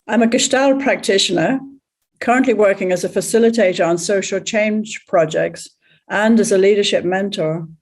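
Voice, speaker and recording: A woman from Ireland, a facilitator speaking in a steady, deliberate way. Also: mid-range voice. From Northern Ireland. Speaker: Gestalt practitioner and facilitator. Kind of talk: prepared video message.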